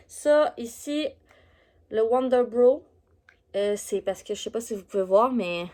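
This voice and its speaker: A woman's voice: medium pitch, darkish tone. A woman with a Québécois French accent, chatting casually through a beauty product review with lots of fillers. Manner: chatty, loose, full of fillers. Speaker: beauty vlogger.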